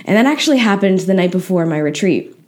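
A woman hosting a motivational podcast, talking casually and candidly with a hoarse voice. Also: medium pitch, animated, fast talker. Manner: candid, chatty, self-deprecating. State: hoarse, unusual voice today. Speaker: podcast host. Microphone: podcast microphone.

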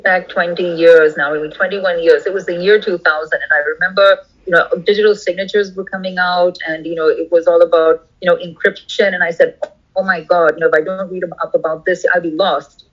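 A woman's voice: fairly low pitch, fairly even intonation, brisk, dull audio. A middle-aged woman from India, answering interview questions over a video call in a digressive way, thinking aloud with many restarts. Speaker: guest lawyer.

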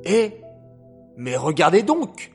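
A man voicing a male noble guest in a told story, excited and admiring. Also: high-pitched, slow, faint music behind, pitched above the performer's own voice, full character voice. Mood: amazed.

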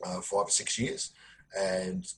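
Man, Australian accent, fairly low voice, earnest, plain-spoken, ums a lot, interview guest. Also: fairly even intonation, slow, rough recording. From South Australia. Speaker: podcast guest. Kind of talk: conversational interview.

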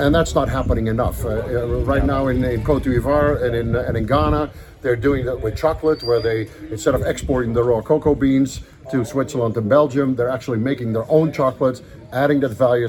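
Man, grew up in ethiopia, animated earnest storyteller, crowd chatter behind, outdoor farm, mid pitch. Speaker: podcast guest. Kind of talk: casual conversation.

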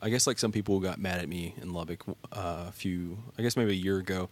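A man with a very deep voice, speaking in casual conversation. He tells his stories earnestly and leans on frequent fillers as he goes. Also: quick pace, darkish tone, a little hiss or hum. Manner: storytelling, filler-heavy, earnest. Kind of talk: casual chat.

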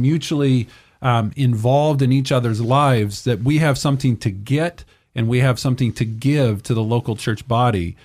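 Brief: male pastor, mid pitch, earnest, builds points in lists. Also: darkish tone. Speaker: pastor and co-host. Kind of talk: unscripted podcast discussion.

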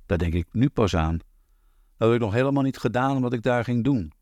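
A man's voice: medium pitch, animated, brisk, darkish tone, dry recording, studio quality, voice pushed up, natural voice. A man reading aloud voices a young wife with a flustered, girlish way of talking, in a raised voice.

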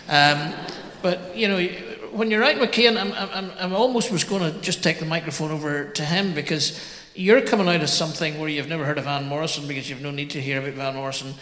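A man's voice: a little high, fairly bright tone. A man hosting a live on-stage interview, asking enthusiastic, rambling questions. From Northern Ireland. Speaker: podcast host, interviewer. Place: large hall before a live audience. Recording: echoey hall with long reverb.

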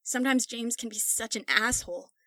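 A woman's voice: a little high, brisk, bright, forceful tone, no room sound. A woman voicing a distraught young man who speaks in a subdued, matter-of-fact way in a storybook reading. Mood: brooding.

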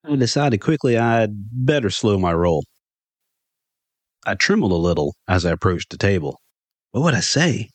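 A middle-aged man telling a funny personal story in first person, animated and getting excited when he quotes himself. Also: moderate pace, no room sound. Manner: animated, jumps higher for excited quoted lines.

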